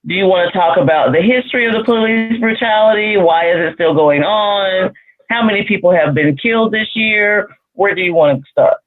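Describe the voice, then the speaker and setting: A man's voice: sits high, moderate pace. A man moderating a discussion, firing off a series of questions. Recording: tinny phone-like sound.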